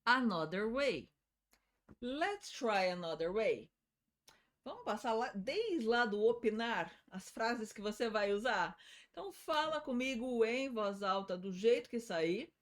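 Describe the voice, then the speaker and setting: A woman with a Brazilian Portuguese accent teaching an English lesson, saying short English phrases slowly for learners to repeat and urging them on in quick Portuguese. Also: on the high side. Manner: slow, spelled-out English model phrases between quick Portuguese prompts; lively, encouraging teacher cues. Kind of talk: online lesson with repeat-after-me drills.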